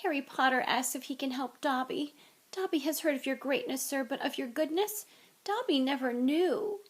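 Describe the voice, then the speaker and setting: Woman doing a shrill little house elf, super earnest, talks about himself in third person. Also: moderate pace, lightly acted. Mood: reverent. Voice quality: high-pitched, squeaky. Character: timid, devoted male house elf, small.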